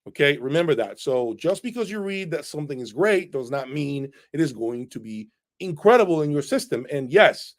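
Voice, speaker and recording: A male channel host who reviews audio equipment speaks unscripted on a livestream, answering viewers with emphatic opinions and frequent "okay?" check-ins. His fairly high voice has big pitch swings, and he talks at a moderate pace with few pauses.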